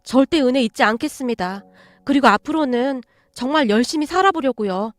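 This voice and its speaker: A woman's voice: high voice, lively intonation, a little fast, no room sound. A woman reading a radio story, voicing a humble, earnest widowed mother who speaks politely. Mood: grateful.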